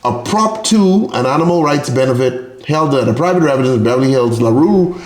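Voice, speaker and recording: Brief: male stream host, lively pitch swings, crude and loud asides, echoey room with faint noise. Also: fairly quick. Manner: profane, joking, reacts loudly between read-out lines. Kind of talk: casual live-stream commentary reading an article. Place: home streaming setup.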